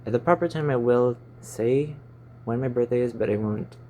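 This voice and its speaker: A man in his twenties with a Filipino accent chats casually in a rambling vlog, stumbling over his words, recorded by phone in a small stuffy room. His voice is mid-range and warm, at a moderate pace, with slight background noise.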